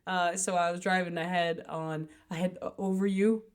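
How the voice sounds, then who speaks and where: A woman's voice: lowish voice, fairly even intonation, moderate pace. A woman co-hosting a podcast in casual chat, joking and often breaking into giggles. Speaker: podcast co-host.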